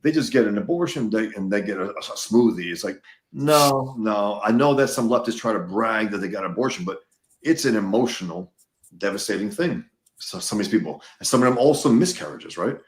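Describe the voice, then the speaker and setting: A man's voice: on the low side, animated, brisk, reverberant. A man from the United States, a guest in a casual conversation, talking emphatically and repeating words as he gets worked up.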